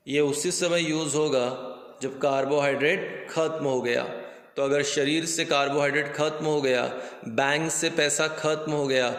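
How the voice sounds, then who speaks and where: A man with a fairly high voice gives a science lecture. He explains terms with everyday examples and checks in with his students. The sound rings with a long reverb in an echoey room. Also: fairly bright tone. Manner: switches into English terms. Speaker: teacher.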